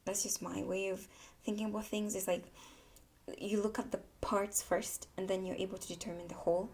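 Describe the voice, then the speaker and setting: Her voice is medium in pitch, level in tone, darkish and a little fast. She's a Tanzanian woman, English her second language, who vlogs political commentary and here gives a candid, casual monologue to camera, repeating words for emphasis.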